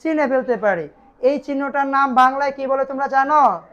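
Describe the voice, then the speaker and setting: A high-voiced woman with a Bangladeshi accent runs a classroom grammar lesson, asking questions and answering them herself. She reads each English example slowly and then translates it. The recording is dull and lo-fi. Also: fairly bright tone. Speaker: English teacher. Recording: dull lo-fi sound.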